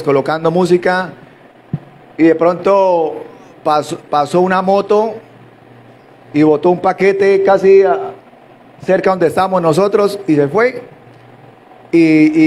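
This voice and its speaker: Male preacher, high-pitched, sermon delivery, halting restarts and rhetorical questions.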